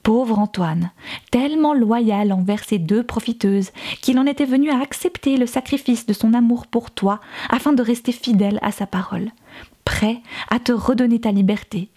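A woman's voice: fairly high pitch, normal speed, dark tone. A woman reading the lines of an exasperated young woman who confronts a rival with cutting rhetorical questions, in an audiobook.

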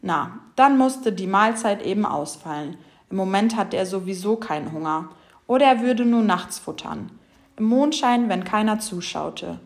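A woman reading a children's story aloud with lively, expressive storytelling. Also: mid-range voice, moderate pace, creaky. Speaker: storybook reader.

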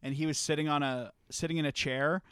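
A man's voice: a little high, fairly even intonation, a little fast, a bit bright, clean tone, no echo, clean studio sound. A young man co-hosting a podcast, telling stories in loose, profane casual chat and laughing often. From Canada. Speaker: podcast co-host.

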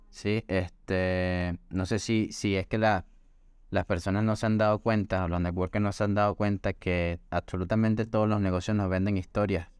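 This man co-hosts a casual podcast chat in a low, resonant voice. He speaks in a reflective, explanatory way, building his points step by step. The sound is close and dry. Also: clean tone, no room sound. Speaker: podcast co-host.

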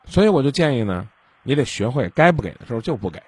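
A man's voice: mid-range voice, very animated, fast, breathy edge, no room sound. A man hosting a radio call-in advice show, lecturing the caller and acting out little dialogues. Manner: keeps asking if the caller understands. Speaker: radio hotline host.

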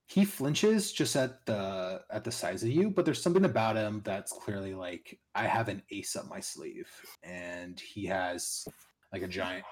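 A man running a tabletop game as game master, narrating in a casual way and prompting the players with questions. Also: low voice.

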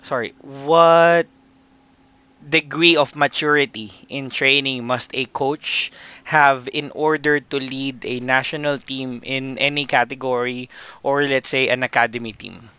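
A man's voice: mid-range voice, fairly even intonation, measured pace, pushed and bright, no room sound, highs cut off. A man with a Filipino accent moderating an online panel, reading viewer questions. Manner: smooth moderating, mixing English and Tagalog. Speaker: host and moderator.

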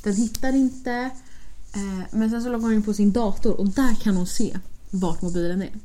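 Young woman telling a story, mellow. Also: mid-range voice, a little hiss or hum. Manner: animated, quotes herself and friends with "jag bara". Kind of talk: casual storytelling.

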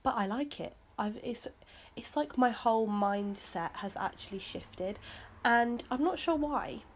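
A woman's voice: fairly high pitch, animated, unhurried, husky. A woman hosting her own podcast, chatting casually and rambling with lots of fillers. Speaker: podcast host. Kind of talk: casual solo podcast chat.

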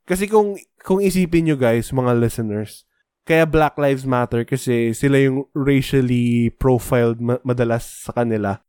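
A man's voice: medium pitch, darkish tone, clean tone, no echo, studio quality. Filipino man explaining on a podcast. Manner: explains at length, switches between Tagalog and English. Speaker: podcast co-host. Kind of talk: casual podcast discussion.

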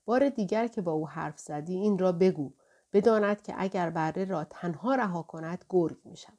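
A woman voicing an angry, bullying middle-aged male innkeeper who talks in a loud, threatening way in an audiobook. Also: on the low side, natural voice. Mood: boastful.

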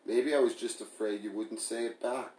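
A man's voice: mid-range voice, fairly even intonation, normal speed, darkish tone, slight background noise, close to an everyday voice. A man voicing an evasive, unsure young man who fumbles and hesitates over his words. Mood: hesitant. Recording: roomy echo.

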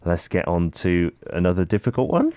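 A man's voice: sits low, sing-song, moderate pace, dark tone, no room sound. A man co-hosting a casual talk about poetry, speaking in a reflective, conversational way. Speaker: podcast co-host. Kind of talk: casual chat about literature.

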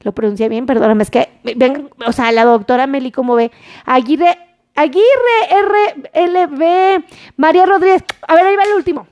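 A woman hosting a live stream, chatty and warm, greeting viewers and repeating their names in a singsong. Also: sits high, steady tone, moderate pace, dull audio. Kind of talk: live stream chat reading viewer comments.

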